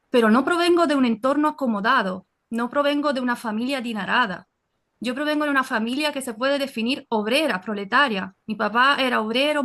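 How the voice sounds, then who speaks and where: Speaking Spanish, a Neapolitan woman whose native tongues are Italian and Neapolitan joins an online session as an audience member to share a thoughtful personal remark. Her voice is high and a bit bright, earnest, and broken up by many fillers and restarts.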